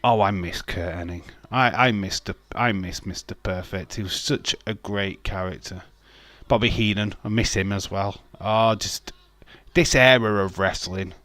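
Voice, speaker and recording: Fairly low in pitch yet fairly bright in tone, this middle-aged man from Yorkshire, England speaks a little slowly with no room sound. He hosts a relaxed watch-along livestream, reading out viewer comments, laughing a lot, and restarting his rambling thoughts.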